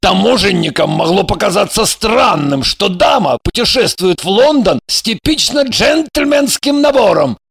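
A man as a gruff, barking secret agent. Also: high voice, big pitch swings, normal speed, hardly any pauses, a bit bright, no echo, studio quality, full character voice. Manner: brusque, barking. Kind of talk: audiobook character reading.

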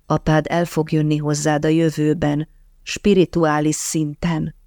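A woman's voice: low-pitched, flat delivery, mellow, dry recording, clean studio sound. Woman voicing a consoling male archangel. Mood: gentle, consoling.

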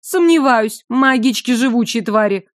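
Audiobook bit part: woman narrator doing a sugary-sweet young maid who turns crude and spiteful, pitched up, no room sound. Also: unhurried, no echo, studio quality, lightly acted. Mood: spiteful, gloating. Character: coarse scheming young serving girl, secretly a bandit.

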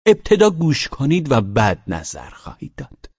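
A man's voice: mid-range voice, very animated, husky, no room sound, dull audio, pitched above the performer's own voice. A man voicing a haughty, brash young man. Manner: measured and haughty. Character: arrogant bold young man about nineteen. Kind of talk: audiobook character voice.

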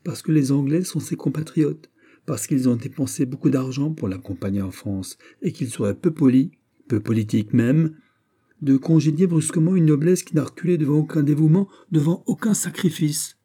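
A man's voice: on the high side, moderate pace, dark tone, breathy edge, pitched above the performer's own voice. A man voicing a proud queen mother in an audiobook, stern and admonishing. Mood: reproving. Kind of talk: audiobook character voice.

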